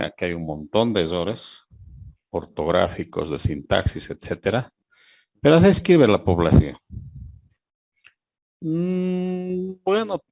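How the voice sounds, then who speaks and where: A university lecturer teaches an online class over a video call, reading examples aloud slowly and mocking their mistakes. His voice is lowish, and the recording is dry.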